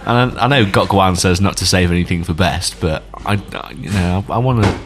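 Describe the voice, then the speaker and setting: A man with a very deep voice chats on a podcast. He jokes at his own expense and plays with words. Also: brisk, noisy background. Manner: self-mocking, playful wordplay. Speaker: podcast co-host. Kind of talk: casual chat.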